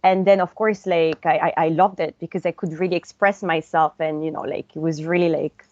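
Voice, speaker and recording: A woman's voice: low-pitched, fairly even intonation, fairly quick, darkish tone, no room sound, dull audio. A young woman from France who grew up in Brussels, a guest speaking from home in a casual interview, chatty with frequent fillers and laughter. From born in France, raised in Brussels. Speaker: guest, actress and director.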